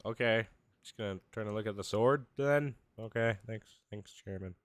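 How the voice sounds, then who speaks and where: Sick gamer guy mumbling thru his lets play, stuffy voice, kinda low. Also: normal speed, no echo. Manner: tired, mumbling, self-deprecating. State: sick, congested voice. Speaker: let's play host. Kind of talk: casual gameplay commentary.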